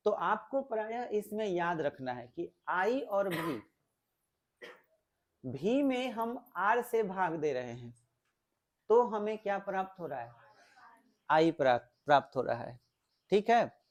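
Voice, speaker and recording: A man's voice: high-pitched, sing-song, slow, long pauses. A male physics teacher, giving a classroom lecture, explaining step by step and asking the class questions.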